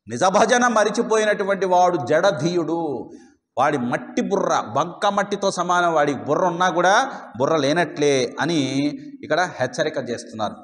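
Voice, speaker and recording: A man with a high-pitched voice gives a devotional discourse. He teaches through stories and rhetorical questions. A long reverb from a hall trails his words. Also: a bit bright. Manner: storytelling with acted dialogue and rhetorical questions. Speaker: spiritual teacher.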